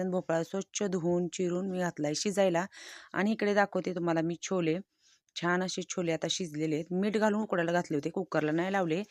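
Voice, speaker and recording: A woman's voice: on the low side, a little mellow, dry recording. Chatty woman narrating a village vlog, dry sound. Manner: chatty and homely, cheerfully describing everyday chores. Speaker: village life vlogger. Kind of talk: casual vlog narration over footage.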